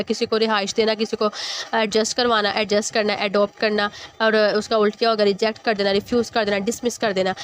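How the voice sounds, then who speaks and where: A woman's voice: mid-range voice, slight background noise. A woman English teacher, explaining an exercise word by word and often checking in with "okay". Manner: explains English words in Hindi-Urdu, repeats "ठीक है". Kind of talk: exercise walkthrough lesson.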